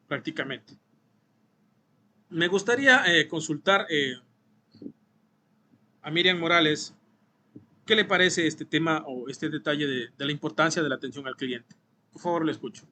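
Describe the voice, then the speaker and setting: A man lecturing to a class in a bright, forceful voice that sits a little high. He explains step by step and keeps checking in with his listeners through rhetorical questions. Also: slight background noise. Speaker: teacher.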